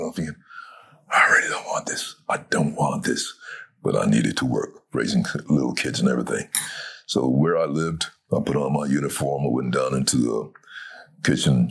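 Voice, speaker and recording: A middle-aged man from Barbados with a deep, gravelly voice, telling a long story in a relaxed conversation and acting out the people in it. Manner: animated, acts out the voices of people in his story. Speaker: guest, voice actor.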